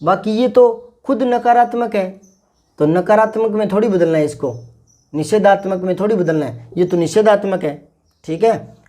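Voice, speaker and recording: A man's voice: high-pitched, normal speed, dark tone. A man teaching a grammar lesson for exam prep, explaining step by step and often checking that students follow. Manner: explanatory, repeats "ठीक है ना" to check understanding.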